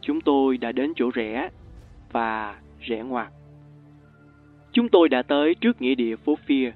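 A man's voice: medium pitch, lively intonation, unhurried. Man narrating a suspense story, tinny sound. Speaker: audiobook narrator. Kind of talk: scripted first-person narration. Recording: tinny lo-fi with faint music.

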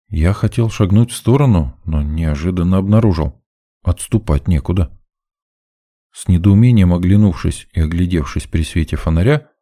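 Low-voiced guy reading a first-person adventure audiobook, wry chatty tone. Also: warm tone, dry recording, clean studio sound. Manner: wry, conversational storytelling. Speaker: audiobook narrator.

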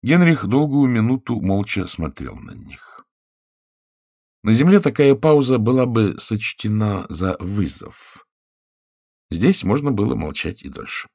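A man narrating an audiobook in a measured, expressive reading. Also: low voice, dry recording, studio quality. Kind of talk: scripted narration.

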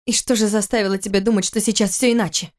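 A woman's voice: mid-range voice, steady tone, fast, a little mellow, close to an everyday voice. A woman reading an audiobook, voicing a hurt but resolute young wife in a raised, plaintive voice. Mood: firm.

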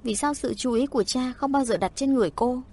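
A woman's voice: high voice, fast talker, a little mellow, pitched above the performer's own voice. A woman voicing a proud, jealous teenage girl with a haughty manner.

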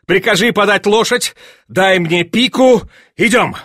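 A man reading an audiobook and voicing an excitable, imperious grand duke who barks orders and laughs. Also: a little high, takes it slowly, no room sound, studio quality, heavily acted. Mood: eager. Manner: commanding, shouting eagerly, laughing.

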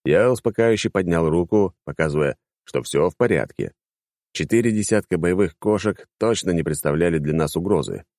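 A man reading a first-person audiobook in a wry, lively narration style. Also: fairly quick, dry recording, clean studio sound. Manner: lively, wry, sweeping pitch.

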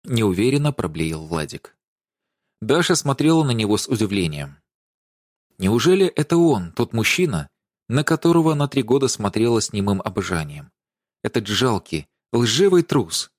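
A man's voice: lowish voice, big pitch swings, normal speed, no room sound. A man narrates a dramatic audiobook. His reading rises and falls animatedly through each sentence. The recording is dry, with no room sound.

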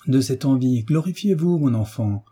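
A man voicing a passionate tutor who preaches with rising fervour, in a dark, husky voice. He speaks like an orator and leans hard into his big words. It is read in an audiobook. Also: mid-range voice, expressive, normal speed. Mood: rousing. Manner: impassioned, oratorical. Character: fervent male tutor, middle-aged, idealistic. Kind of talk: audiobook reading.

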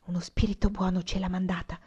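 A woman's voice: fairly high pitch, measured pace, mellow, slightly rough, highs cut off, pitched above the performer's own voice. A woman reading the lines of a shy, frightened young woman in love, often in a whisper. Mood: hushed.

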